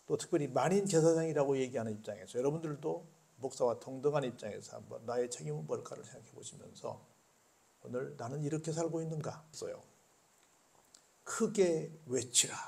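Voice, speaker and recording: Older gravelly pastor preaching a sermon. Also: male voice, mid-range voice. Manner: swings from quiet talk to loud shouting, many rhetorical questions. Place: church.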